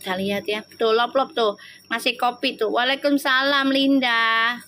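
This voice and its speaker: High-voiced chatty woman tarot reader. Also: steady tone, slight background noise. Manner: jokey and teasing, bursts into loud laughter; slow, soft-spoken when praying. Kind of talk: live tarot reading, chatting with viewers.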